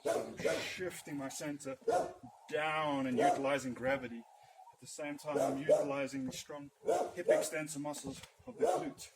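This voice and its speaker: A man's voice: fairly high pitch, animated, moderate pace, gravelly. A man teaching martial arts conditioning, explaining his drills in a practical, loose, unscripted way. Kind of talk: demonstrating and explaining training. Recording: loud background noise.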